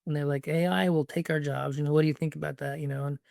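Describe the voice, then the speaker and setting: A man hosts a casual conversation, spinning lively anecdotes and laughing easily along the way. His voice sits somewhat high for a man, and the sound is dry and close. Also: creaky, dry recording. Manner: animated storyteller, quick to laugh. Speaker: host.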